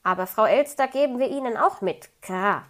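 A woman's voice: on the high side, normal speed, a bit bright, close to an everyday voice. A sly, clever raven caws and comments dryly in a read-aloud story, as a woman puts him on. He speaks with knowing suspicion. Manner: dry, cawing.

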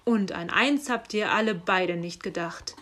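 A woman's voice: mid-range voice, unhurried, fairly bright tone, close to an everyday voice. A woman reading aloud and voicing a grumpy, stubborn old Saint Nicholas who grumbles. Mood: grumbling. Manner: gruff grumbling delivery.

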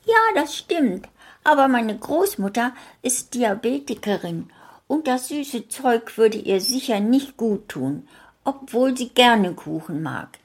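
A woman voicing a kind, chatty little girl, raising her voice high and speaking eagerly. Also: animated, slow pace, slightly rough, full character voice.

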